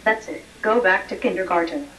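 A female computer voice playing a strict preschool teacher, flat and synthetic, heard from afar. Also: mid-range voice, a little fast, natural voice. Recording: distant, faint room noise.

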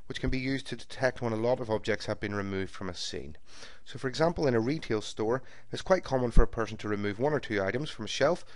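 Calm and methodical like a trainer, a man with a fairly low voice talks through setting up software step by step for a screen-recorded tutorial. The voice-over is close-miked and dry, with no room sound at all.

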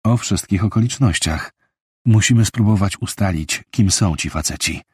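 A male audiobook narrator voicing a calm, analytical investigator who reasons things through. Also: on the low side, moderate pace, slightly rough, no room sound, clean studio sound. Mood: measured. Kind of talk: audiobook character reading.

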